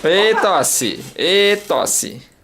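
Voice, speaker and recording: A man's voice: sits high, very animated, extremely slow. A father filming his baby at home and coaxing him in sing-song, playful baby talk. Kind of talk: home video, talking to an infant. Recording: home camera with clear background noise.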